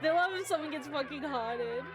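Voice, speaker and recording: A woman's voice: high-pitched, normal speed, noisy background. A woman streamer giving playful, exclamatory casual reactions to an old film. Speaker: live streamer. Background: music from the film.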